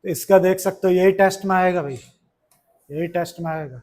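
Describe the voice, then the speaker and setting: एक पुरुष शिक्षक कक्षा में छात्रों को पढ़ा रहा है, बार-बार सवाल पूछता है और मज़ाक में छेड़ता है।. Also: male voice, high-pitched, fairly quick, darkish tone. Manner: chatty, keeps asking questions, teasing. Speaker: teacher. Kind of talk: classroom lesson to students. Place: classroom.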